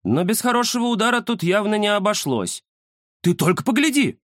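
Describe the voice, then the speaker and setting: Fussy boastful storybook tomcat, man doing the voice, high-pitched, bouncy intonation, dry sound. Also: fairly quick, dry recording. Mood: teasing. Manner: excitable, fussy, know-it-all. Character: chatty boastful male house cat. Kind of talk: audiobook character voice.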